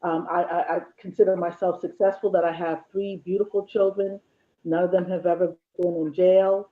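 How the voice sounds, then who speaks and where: Over a tinny, phone-like line, a woman in her fifties chats casually as a guest who is also the host's mother. She's candid and joking, with reflective stretches, speaking in a lowish, level voice at a moderate pace.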